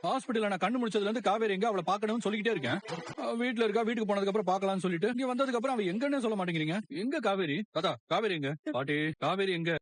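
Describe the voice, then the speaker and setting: A man's voice: high voice, racing. An actor playing a young husband who keeps pleading to know where his wife is, in a television serial. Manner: pleading, rising to frantic cries. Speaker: grandson Vijay just home from hospital.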